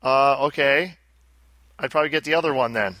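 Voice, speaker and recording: Male co-host, bright tense tone, dry close sound, reading listings and commenting in a casual way. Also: mid-range voice, brisk, no room sound, poor audio. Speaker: podcast co-host.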